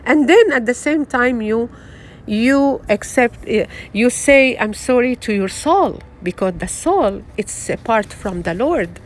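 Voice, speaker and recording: Woman, Arabic first language, spiritual self-help speaker; unhurried, gentle, earnest, repeats phrases and restarts often. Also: fairly high pitch, animated, slight background noise. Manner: soft, earnest, repetitive, with frequent restarts. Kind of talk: motivational monologue.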